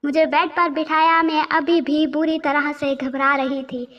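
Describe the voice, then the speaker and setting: A woman's voice: sits high, little pitch movement, distant mic, highs cut off. A woman telling a first-person story as a storyteller, emotional, with quoted dialogue.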